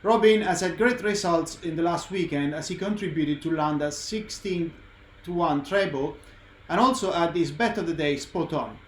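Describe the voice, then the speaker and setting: A man's voice: fairly high pitch, normal speed. A man presenting as a betting tipster, reeling off form and picks as the host of a tips show. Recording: echoey room, faint background noise.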